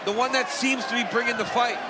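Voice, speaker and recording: A man's voice: very high voice, steady tone, fast talker, heavy background noise. A man giving casual live fight commentary as an analyst, in punchy, colloquial phrases. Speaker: colour commentator. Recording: loud arena crowd, music behind.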